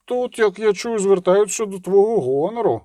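A man's voice: high-pitched, very animated, fairly quick, a little mellow, no room sound, voice pushed up. A sneering young bandit with a raised, mocking voice, as a man reads him. He teases his victims with leering glee. The audiobook recording is close and dry. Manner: sneering, taunting.

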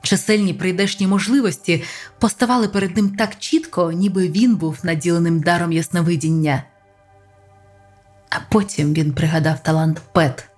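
Measured audiobook narrator, faint music beneath. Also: medium pitch. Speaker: audiobook reader. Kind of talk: scripted narration.

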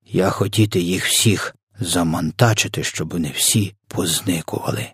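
Soft-spoken kindly giant, jumbled grammar, low husky voice, as a narrator does him. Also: male voice, normal speed, dry recording, clean studio sound, heavily acted. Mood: earnest. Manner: soft, mixed-up words and grammar. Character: big kind gentle male giant, odd grammar.

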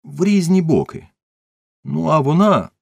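A man voicing an agitated middle-aged garage worker, explaining in an excited, hurried way. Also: fairly low pitch, slightly rough, dry recording, voice pushed up, heavily acted.

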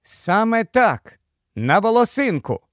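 Guy doing a tiny brave mouse knight, gallant and eager, higher voice, dry sound. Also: sing-song, slow, no room sound, exaggerated voice. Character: small brave talking mouse knight, courtly.

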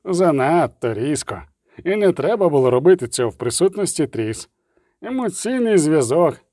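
A man's voice: fairly high pitch, sing-song, normal speed, warm tone, no echo, studio quality. A man playing a reproving old witcher mentor. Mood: reproachful.

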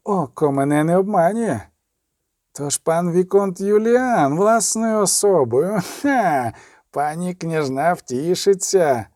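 A man voicing a pompous knight baron who speaks in a drawn-out way. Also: a little high, big pitch swings, warm tone, no room sound, studio quality. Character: pompous middle-aged baron knight, drawling.

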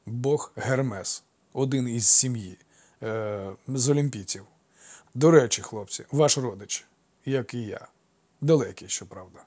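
A man voicing a calm, wise old centaur. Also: medium pitch, measured pace, lightly acted. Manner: calm, mock-stern, patient. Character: wise old male centaur teacher, gently stern.

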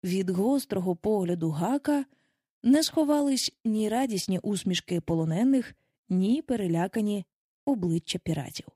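A woman narrating a children's adventure story in a dramatic, expressive manner. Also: mid-range voice, moderate pace, breathy edge, no echo, clean studio sound.

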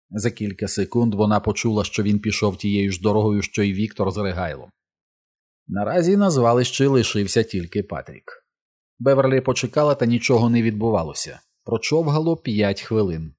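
A man reading a novel aloud as an audiobook narrator, in a measured, dramatic way. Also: fairly low pitch, a little mellow.

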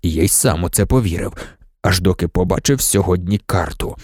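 A man voicing a calm, earnest middle-aged male teacher who speaks low and steady. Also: moderate pace, no room sound, studio quality.

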